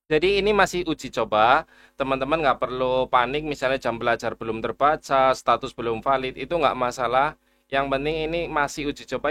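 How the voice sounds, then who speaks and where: An education YouTuber walks viewers through a teacher data portal in a casual, reassuring screen-share tutorial, talking to them like friends. His voice is medium in pitch and slightly bright, with a little hiss or hum in the background.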